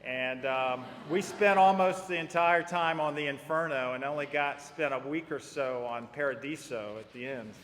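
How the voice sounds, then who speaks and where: A man's voice: mid-range voice, normal speed, hardly any pauses, fairly bright tone. Man preaching in a reverberant church. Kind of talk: sermon. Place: church sanctuary. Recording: church with long reverb and faint noise.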